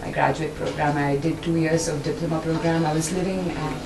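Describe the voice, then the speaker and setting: A woman speaks casually, her voice slightly low. She sounds distant, in a reverberant room with background noise. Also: fairly even intonation, brisk. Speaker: artist. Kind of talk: casual self-introduction.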